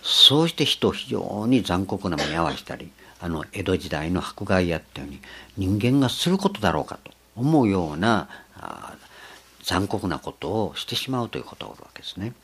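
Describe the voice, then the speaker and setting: An older man giving a slow, reflective sermon, pausing often with fillers. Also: low-pitched, very animated, creaky, fairly bright tone, husky. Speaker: preacher.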